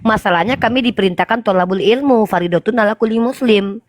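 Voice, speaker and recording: A man's voice: high-pitched, fast, no room sound. A man in a heated online debate, insistent, cutting in and telling stories, close to a dry mic. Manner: insistent, interrupting, storytelling. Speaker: debate participant.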